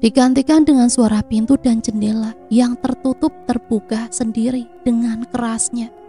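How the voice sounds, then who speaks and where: A woman narrating a first-person horror story with a steady, somber delivery. Her voice sits a little high, yet its tone is dark and mellow. Faint music plays behind her. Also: moderate pace. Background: faint background music.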